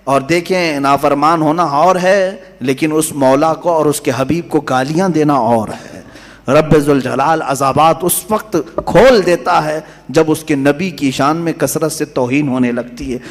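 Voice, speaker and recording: Guy preaching with a lot of drama, rising loud then dropping soft, long reverb around him. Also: fairly high pitch. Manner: dramatic storytelling, swings between soaring and hushed. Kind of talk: impassioned Urdu sermon. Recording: hall reverb.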